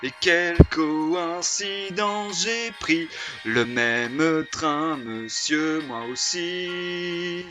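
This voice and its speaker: Brief: male performer as prim lady, sung parody, high and slow. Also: lively intonation, over music. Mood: mock-polite. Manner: sings stiff formal lines to a show tune. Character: prim married woman in an absurd play. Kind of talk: sung comic parody of theatre lines.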